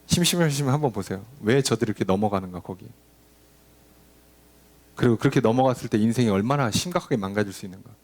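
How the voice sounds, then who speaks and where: A male pastor delivering a sermon, urging and questioning the congregation, now and then dropping to a low aside or acting out a quoted line. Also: quick pace. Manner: animated preaching, drops to a low murmur for emphasis, acts out quoted lines.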